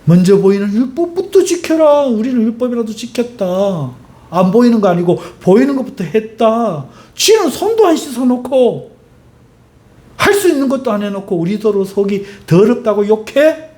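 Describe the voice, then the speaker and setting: A man's voice: a little high, fairly even intonation, moderate pace, mellow, natural voice. A man voicing an indignant, resentful Pharisee, mocking and heated.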